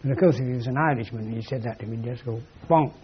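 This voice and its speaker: A man's voice: mid-range voice, fairly even intonation, rapid-fire. A man giving a philosophical lecture in a wry, emphatic way, on a dull lo-fi recording. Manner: wry, emphatic, acts out quoted voices.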